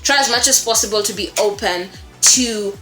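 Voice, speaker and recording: In this informal instructional talk, a female voice-acting coach with a medium-pitched, fairly bright voice speaks at a moderate pace. She's encouraging and emphatic, often repeating for stress, recorded with a roomy echo and background music.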